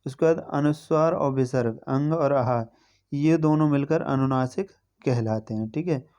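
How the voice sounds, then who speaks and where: A male teacher giving an exam-prep grammar lesson, explaining step by step, spelling out sounds slowly and often checking in with "okay". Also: medium pitch, dark tone. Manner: explanatory, repeats "ठीक है" as a check-in.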